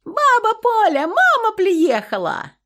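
A woman reading an audiobook, voicing a small excited boy who lisps and squeals. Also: moderate pace. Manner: squealing, lisping, high. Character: small excited boy, lisping little child. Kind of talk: audiobook character voice.

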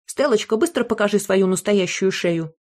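A woman voicing a fussy, loud old grandmother in an audiobook, who is indignant and blames everyone else. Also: medium pitch, normal speed, voice pushed up, close to an everyday voice. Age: older. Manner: indignant, bossy, blames others. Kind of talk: audiobook character voice.

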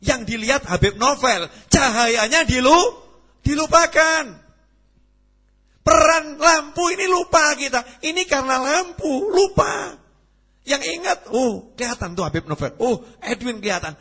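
A man giving a conversational sermon, swinging between loud emphatic lines and hushed ones. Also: extremely high pitch, expressive, unhurried. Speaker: preacher.

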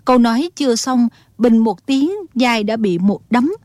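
A woman narrating an audiobook in an even storytelling manner. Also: on the high side, moderate pace, no room sound.

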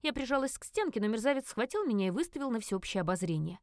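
A woman narrating a first-person fantasy audiobook in a lively, indignant, comic manner. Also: fairly high pitch, fast talker, no room sound, clean studio sound.

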